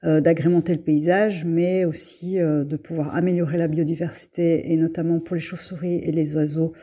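Middle-aged woman from Belgium; very dark, husky voice; halting, filler-heavy testimony. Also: low voice, flat delivery. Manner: hesitant, many fillers and restarts. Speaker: farmer and forager guest. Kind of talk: casual spoken testimony.

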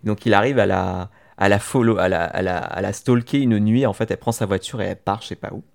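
A man's voice: fairly low pitch, fast, gravelly. A man chatting casually as a podcast co-host, telling a long story with many restarts and hesitations. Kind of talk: casual chat about a TV series.

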